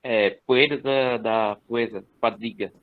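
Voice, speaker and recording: A male student asking a hesitant, halting question during an online class. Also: mid-range voice, fairly even intonation, narrow, tinny audio. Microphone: video call over a poor line.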